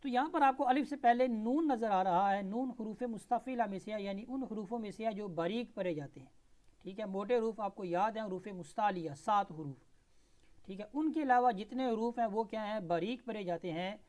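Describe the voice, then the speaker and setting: A man teaching Tajweed, spelling out and reciting verses slowly syllable by syllable, then explaining the rules in brisk asides. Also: high voice, darkish tone. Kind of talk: Tajweed lesson with slow recitation.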